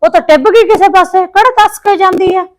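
A woman's voice: very high voice, fast. An actress playing a married daughter who chats and complains about her mother-in-law, with a Punjabi accent. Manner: chatty and complaining. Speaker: actor. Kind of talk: village short-film acting.

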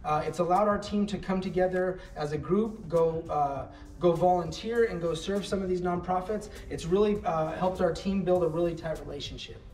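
A man in his thirties giving a relaxed walking tour of his company's warehouse and offices, with frequent fillers. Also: high voice, normal speed, recorded from a distance. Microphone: camera following him, mic at a distance. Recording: echoey rooms, voice a bit off-mic, soft music underneath.

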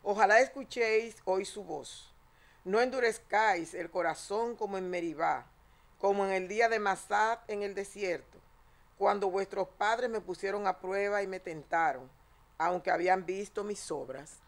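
Older female lector, 60s, mid-pitched, measured liturgical reading of scripture at a chapel lectern. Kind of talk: solemn scripture and psalm reading. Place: small indoor chapel. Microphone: lectern microphone.

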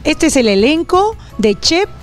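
A stage actress with a Peruvian Spanish accent gives a friendly promo into a handheld mic. Her voice sits fairly high. Faint music plays behind her. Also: very animated, unhurried. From Peru. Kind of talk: on-camera promo. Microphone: handheld station mic.

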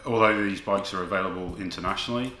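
A man's voice: low voice, fast talker, pushed and bright. A man, talking as a bike designer in a casual interview, hesitant and full of fillers. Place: small bike workshop indoors. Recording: echoey room with background noise.

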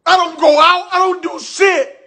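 Furious, very high-voiced man ranting. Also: fairly even intonation, moderate pace. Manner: furious, profane, swings between shouting and muttering. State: emotionally overwrought, voice breaking with tears. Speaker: landlord. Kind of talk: angry venting rant.

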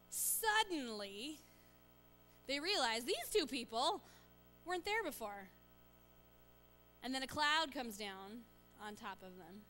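A bright, forward woman with a slightly high voice gives a children's sermon in a church. She keeps the children involved with quick questions and playful prompts. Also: slight background noise. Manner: lively, coaxing children with questions. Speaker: church children's message leader. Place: church sanctuary.

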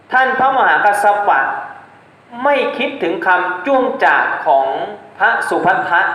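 A male Buddhist monk preaches in a formal, measured cadence, breaking his sermon into short phrases. His voice sits fairly high for a man. A strong echo surrounds him, as if he is in a large reverberant hall. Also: a bit bright. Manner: slow, measured phrasing in short segments, formal address to lay listeners. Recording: very echoey room.

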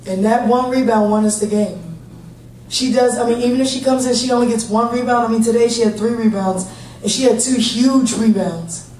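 At a post-game press conference in a large conference room, a head basketball coach in her thirties answers in a steady, plain-spoken, upbeat manner. Her mellow voice keeps a fairly level pitch at a brisk pace. A table mic, heard via a distant camera, picks up roomy echo and a faint hum.

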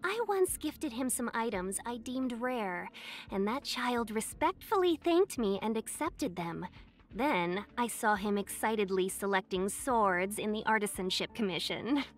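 Slightly high and expressive, this woman's voice moves a little slowly as she performs scripted lines for a video game character. Her role is a young fox-eared merchant, smooth-talking and courteous, chatty and playfully coy.

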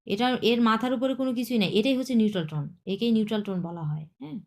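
A woman's voice: on the high side, quick pace, darkish tone. A woman, teaching an online language class, patiently repeating points and checking that students follow.

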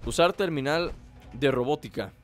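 A man's voice: a little high, moderate pace, faint music behind. A man with a Mexican accent giving casual let's play commentary, playful and rambling as he plays. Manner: playful, rambling to himself and viewers. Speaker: gaming host. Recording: game noise behind the voice. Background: video game ambience.

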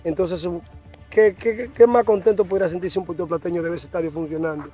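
A man's voice: sits high, steady tone, quick pace, dark tone, slightly rough, faint music behind. A middle-aged man with a Dominican accent, answering interview questions earnestly outdoors at a ballfield on a lapel mic. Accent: Dominican Spanish. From Dominican Republic. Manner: earnest, repeats himself. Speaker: team general manager. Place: outdoors at a baseball field.

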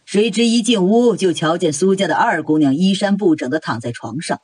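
A man voicing a cold, composed young noble heir recounting events in a measured way. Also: high-pitched, a little mellow, husky, no echo.

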